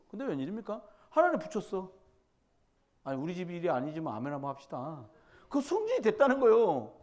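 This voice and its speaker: A male pastor preaching a midweek church sermon, swinging between loud exhortation and quiet storytelling, and often putting questions straight to the congregation. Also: high voice. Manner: conversational, addresses congregation directly with questions.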